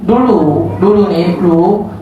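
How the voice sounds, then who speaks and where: A woman's voice: fairly low pitch, slow pace, muffled recording, a little hiss or hum. Joking woman teaching in an echoey hall. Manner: joking, acts out little dialogues. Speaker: religious teacher. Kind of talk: casual religious study lesson. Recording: echoey room, distant mic, faint ambience.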